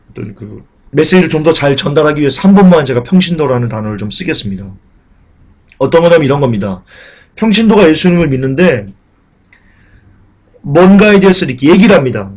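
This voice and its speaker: Impassioned man preaching, fairly high voice. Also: lively intonation, quick pace. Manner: impassioned, swings between raised emphatic lines and quiet low talk; asks the congregation questions and addresses them directly. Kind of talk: sermon.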